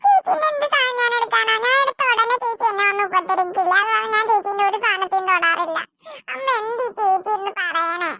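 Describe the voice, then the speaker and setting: Woman doing a shrill tearful little girl. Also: fast talker, few pauses, noisy background. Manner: whiny, protesting innocence.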